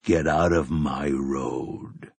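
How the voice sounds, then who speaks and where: A man voicing a stern, grim middle-aged gunslinger who speaks in a slow, clipped, commanding way. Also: a bass voice, fairly even intonation, husky, no room sound, pitched below the performer's own voice, full character voice. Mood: threatening.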